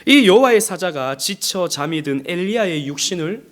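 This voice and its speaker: Man, middle-aged, from South Korea, pastor, Sunday sermon, slightly high voice, gentle turning emphatic. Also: lively intonation, moderate pace. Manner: gentle, rising to emphatic, acts out quoted speech. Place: church sanctuary.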